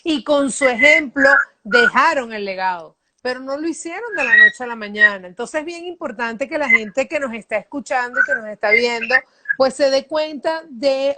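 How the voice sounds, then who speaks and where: A woman hosting a motivational talk, speaking in an emphatic coaching tone. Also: high voice. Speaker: host. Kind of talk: motivational talk show chat. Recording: loud background noise.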